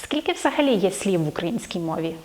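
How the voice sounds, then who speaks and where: A woman host leads the interview at a middle pitch. She builds long questions slowly and pauses on filler sounds as she looks for the right word. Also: sing-song. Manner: searching for words, many filler sounds.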